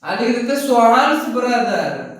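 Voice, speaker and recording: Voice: medium pitch, sing-song, unhurried. A teacher giving a classroom grammar lesson who repeats each point and keeps asking rhetorical questions, recorded in a classroom from a distance. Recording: echoey room, mic far off.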